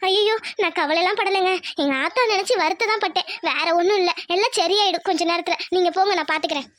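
A woman voicing a tender, tearful young village wife in a cartoon, talking softly and apologetically. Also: very high-pitched. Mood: tearful, apologetic. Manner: soft, apologetic, quick to cry. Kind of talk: Tamil cartoon voice acting.

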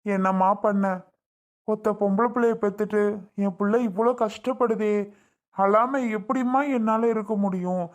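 A woman's voice: mid-range voice, fairly even intonation, moderate pace, natural voice. Woman playing a tearful old father. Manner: tearful, pleading, gentle advice. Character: grieving older father seeing daughter off. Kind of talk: family skit acting.

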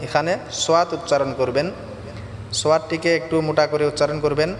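A man teaching Quran recitation, chanting verses slowly and melodically, then explaining pronunciation quickly in a Bangladeshi Bengali accent. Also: a little high, little pitch movement, slight background noise. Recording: echoey reverberant room with faint background music.

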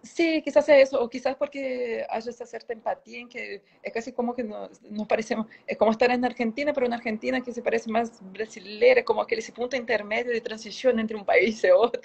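A Brazilian woman in her thirties speaks Spanish with a Brazilian Portuguese accent, her voice a little high, steady, slightly fast, creaky, a little mellow and husky, with hardly any pauses. Giving casual, reflective interview answers from an indoor room, she sounds hesitant, as if searching for words. The video call audio is dull and lo-fi.

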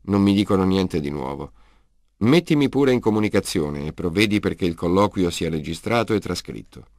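A man playing a world-weary detective in a storybook reading, low-voiced and dry in tone, pressing with pointed questions. Close, dry sound. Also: animated, moderate pace, a little mellow, no room sound. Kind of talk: audiobook character reading.

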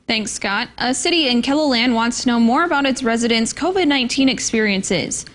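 A female news anchor reading scripted local news in a crisp, measured way. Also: on the high side, animated, a bit bright.

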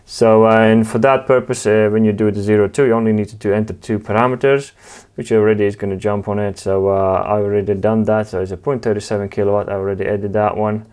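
Low-voiced man explaining drive setup. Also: steady tone, a little mellow, clean tone. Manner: halting, many fillers and restarts, informal. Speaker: channel host demonstrating equipment. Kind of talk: casual technical demonstration.

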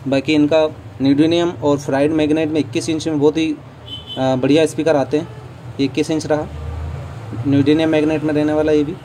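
A man's voice: a little high, warm tone, slight background noise, low-quality recording. A man walking through a trade show stall, chatting to his viewers about the gear with opinionated asides, recorded on a handheld phone. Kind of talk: casual walkthrough vlog. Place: busy indoor trade show hall. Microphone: phone camera held while walking.

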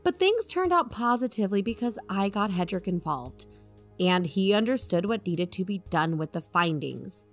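A woman with a medium-pitched, sing-song voice at a moderate pace plays a confident podcast investigator and co-host in a conversational audio drama. Firm and challenging, she reasons and probes persuasively over faint background music.

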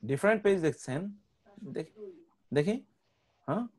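A man's voice: on the high side, expressive, normal speed, a little mellow. A man teaching an online grammar class, patiently repeating word lists for students to memorize.

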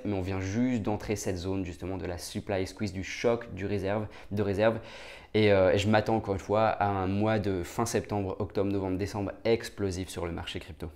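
This market analyst has a fairly low, darkish voice as he casually talks through price charts. He frequently restarts, uses lots of fillers, and repeatedly asks "d'accord?"

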